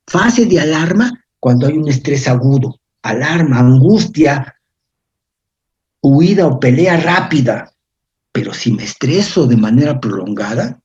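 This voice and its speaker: A man's voice: mid-range voice, a little mellow, breathy edge. A man giving a university physiology lecture, explaining step by step and often checking in with his students. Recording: dull lo-fi lecture recording.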